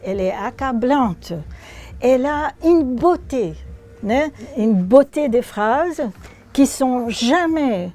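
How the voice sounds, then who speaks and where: A woman with a Brazilian accent talks about her book, pausing often as she searches for the right word. Her voice sits slightly high yet sounds mellow, and her delivery is unhurried. The recording is close and dry. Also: lively intonation. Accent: Brazilian Portuguese. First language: Portuguese. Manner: reflective, searching for words, soft laughs. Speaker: author presenting her book. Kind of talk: bookshop talk and reading aloud.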